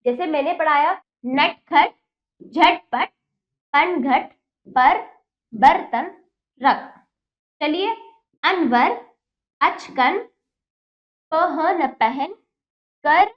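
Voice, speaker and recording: A woman teaching children to read, sounding out each word syllable by syllable and then saying it whole. Her voice sits high and swoops up and down. The recording is dull and lo-fi. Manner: breaks words into syllables and repeats them slowly for children. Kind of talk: children's reading lesson.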